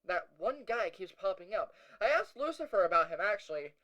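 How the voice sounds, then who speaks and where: A man voices a young male hero recording an audio log, using a high-pitched, sing-song, bright, forceful voice at a brisk clip. His first-person narration is conversational and a bit hesitant, as though he's thinking aloud, with an uneasy, pensive mood and dry, wry asides like an audio drama. The performance is heavily acted and the recording is rough.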